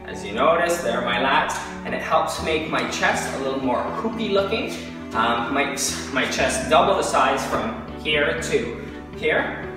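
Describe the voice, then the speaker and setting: A man's voice: a little high, expressive, measured pace. Man, fitness coach, informal short cues, workout instruction, long hall reverb, music behind. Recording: very echoey, distant, music over voice.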